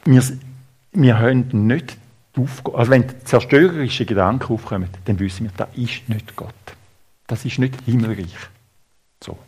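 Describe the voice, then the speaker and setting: A man with a Swiss German accent preaching a sermon, halting, with many fillers and restarts. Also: fairly low pitch, breathy edge.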